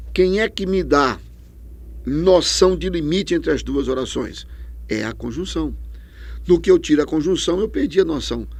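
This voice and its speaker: A middle-aged Brazilian man lectures on grammar and fires questions at his students before he answers them himself. His voice is gravelly and a little husky, and his pitch swings widely as he stresses each point. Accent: Brazilian Portuguese. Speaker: teacher. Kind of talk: distance-learning grammar lecture.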